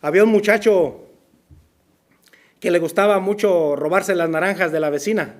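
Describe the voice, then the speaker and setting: A man preaching a sermon as pastor, telling a story and acting out its dialogue, sometimes dropping to a hushed voice for emphasis. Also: high-pitched, normal speed. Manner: storytelling, acts out dialogue, drops to near whisper for emphasis. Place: church.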